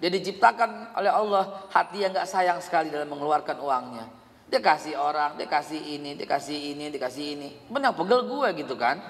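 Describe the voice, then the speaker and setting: A middle-aged man, preaching a sermon and telling animated stories about his family. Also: on the high side, brisk. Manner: animated storytelling, quoting family dialogue; sings snatches of a song. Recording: long hall reverb.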